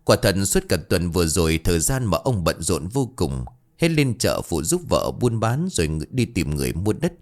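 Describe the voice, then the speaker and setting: A man narrating a ghost story in an expressive, dramatic way. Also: low voice, moderate pace.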